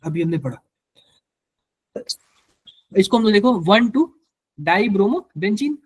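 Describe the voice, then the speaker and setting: A man's voice: high-pitched, big pitch swings, a little slow. A man with a Hindi accent teaching chemistry to a live class, quizzing students and repeating each answer to drill it in.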